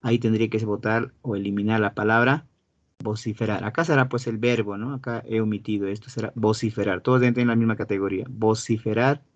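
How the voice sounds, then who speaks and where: A man with a Peruvian Spanish accent teaching a classroom lesson. He repeats key words slowly and quizzes his students. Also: fairly low pitch, dry recording. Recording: dull, dry sound.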